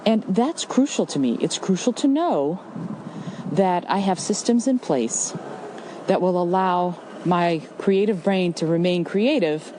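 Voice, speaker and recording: Woman, middle-aged, lowish pitch, conversational podcast monologue, deliberate emphasis, outdoor recording, faint machine and car noise. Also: expressive. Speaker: podcast host. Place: outdoors with passing cars and machinery.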